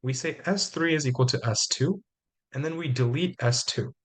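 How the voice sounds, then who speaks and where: A young man with a sore throat, slightly sick, giving a measured, explanatory slide lecture step by step. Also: mid-range voice, slightly rough. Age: young adult.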